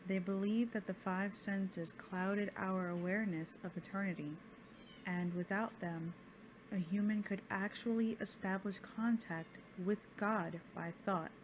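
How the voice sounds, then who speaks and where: A woman with a slightly low voice narrates a scary story from a script. She delivers it in measured, deliberate phrases. Faint noise and ambience sit behind her voice. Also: darkish tone, low-quality recording. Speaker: storyteller, host of a horror story channel.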